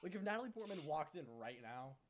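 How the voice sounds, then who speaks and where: A man co-hosting a podcast in casual chat, animated and swearing freely while he rants. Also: a little high, fast. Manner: animated, swears a lot, ranting. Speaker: podcast co-host.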